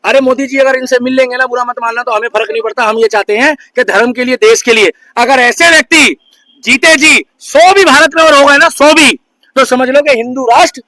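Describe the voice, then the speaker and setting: A man's voice: extremely high pitch, fairly quick, pushed and bright, no echo, poor audio. A man giving an impassioned street interview, preachy and mocking toward absent critics. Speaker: bystander interviewee.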